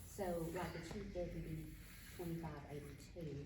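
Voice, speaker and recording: A woman informally explaining figures at a meeting as a staff member, in a halting, explanatory way. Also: sits low, steady tone. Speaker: county staff member presenting salary figures. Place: indoor meeting room, far from the mic. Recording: distant echoey room recording, clear background noise.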